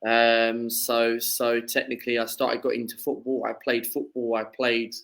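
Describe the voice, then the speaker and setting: The recording is poor, but you can hear a football-loving podcast guest in his twenties from southeast England rambling casually, with frequent fillers and restarts. His voice sits at medium pitch, a bit bright and level, unhurried and marked by vocal fry.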